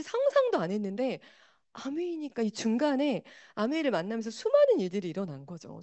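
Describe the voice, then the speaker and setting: A woman giving an animated motivational talk, speaking directly to her audience on a microphone. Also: on the high side, no echo.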